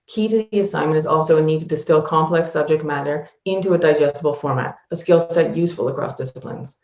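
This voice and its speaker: A woman's voice: sits low, fast, a little mellow, echoey room. A woman narrating a scripted presentation as one of its presenters.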